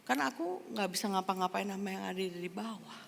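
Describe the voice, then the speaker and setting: Woman voicing a calm, soft-spoken God. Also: mid-range voice, brisk, gravelly, in a large hall, slight background noise, close to an everyday voice. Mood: patient. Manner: soft, quiet, matter-of-fact. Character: calm gentle male God, patient.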